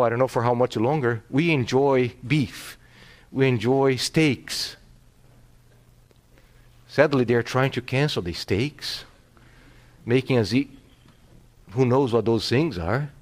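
A man preaching a sermon as pastor. He swings from hushed, near-whispered lines to loud, rising passages and repeats phrases for emphasis. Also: medium pitch.

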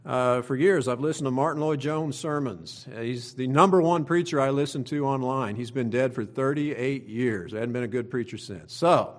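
A middle-aged Oklahoma pastor preaches to his own congregation in a mid-range voice at normal speed, barely pausing. His style is folksy, plain-spoken, and conversational, punctuated by emphatic rhetorical questions.

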